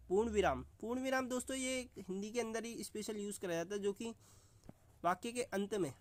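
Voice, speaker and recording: High-voiced teacher giving an exam lesson. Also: male voice. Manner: addresses viewers as friends, explains with examples. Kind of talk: online exam-prep lesson.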